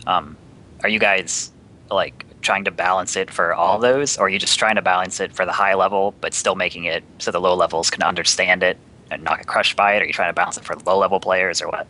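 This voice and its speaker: Man, very deep voice, bright forceful tone, inquisitive. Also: steady tone, brisk. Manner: inquisitive, rambling question. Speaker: panel guest player. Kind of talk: casual podcast question.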